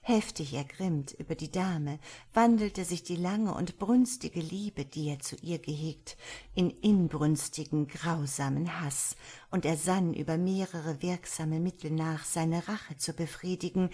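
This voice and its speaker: Breathy low-voiced woman reading a story. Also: warm tone. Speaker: narrator.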